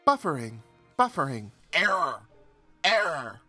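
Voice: medium pitch, very animated, unhurried, sharp tone, slightly rough, faint music behind, full character voice. A game master voicing a glitching robotic scanner device in a tabletop game, speaking in clipped, repeated error words.

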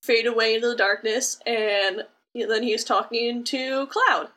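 A woman's voice: a little high, measured pace. A woman co-hosting a podcast, telling a video game story in casual chat and acting out characters. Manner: animated storyteller, acts out characters. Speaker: podcast co-host.

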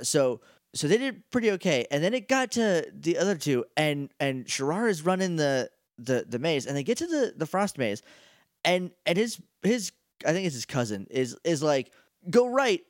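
A man's voice: fairly high pitch, dry recording, clean studio sound. An American man co-hosting a casual podcast chat, rambling through jokey, profane stories. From United States. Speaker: podcast co-host.

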